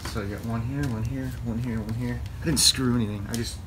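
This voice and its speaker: A man's voice: mid-range voice, fairly even intonation, fast talker, background noise. A young man hosting a fishing channel, casually walking through a homemade project in a laid-back, rambling way full of fillers, recorded on a phone in a garage. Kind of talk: casual DIY walkthrough. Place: open garage.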